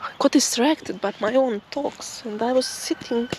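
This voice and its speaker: A woman vlogging outdoors in her garden, chatting in a relaxed, rambling and self-deprecating way. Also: a little high, moderate pace, slight background noise, poor audio. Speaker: nature vlogger.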